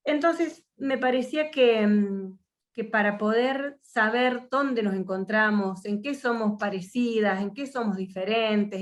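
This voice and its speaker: Hesitant Argentine woman leading a workshop. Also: on the high side. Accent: Argentine Spanish. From Argentina, Mendoza. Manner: reflective, hesitant with frequent fillers. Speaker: workshop facilitator. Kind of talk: online workshop presentation. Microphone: video call.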